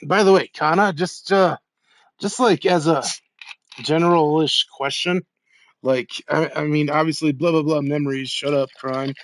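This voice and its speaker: A man's voice: fairly high pitch, no echo. A man in casual gaming livestream chat, talking in a rambling, profane way.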